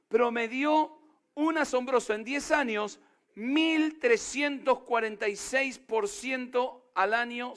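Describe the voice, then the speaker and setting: A man's voice: very high-pitched, a bit bright. A man preaching a sermon in an Argentine accent, emphatic and constantly throwing questions at the congregation. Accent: Argentine Spanish. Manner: emphatic, peppers talk with rhetorical questions to the crowd. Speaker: pastor.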